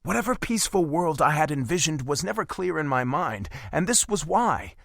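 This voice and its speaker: Man narrating, wide-ranging expressive voice. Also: a little high, moderate pace, creaky, no echo, clean studio sound. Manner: expressive, emotive reading. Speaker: audiobook narrator. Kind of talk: first-person audiobook narration.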